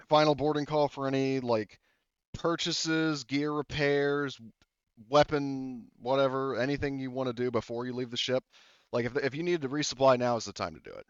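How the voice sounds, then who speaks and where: A man runs a tabletop roleplaying game as game master, talking casually and rambling with many fillers and restarts. His medium-pitched, smooth voice goes at normal speed, recorded dry with no room sound and slightly dull lo-fi audio.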